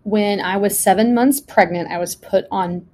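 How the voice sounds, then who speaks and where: A woman's voice: medium pitch, normal speed, dark tone. Chatty woman. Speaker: podcast guest. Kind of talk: casual interview chat.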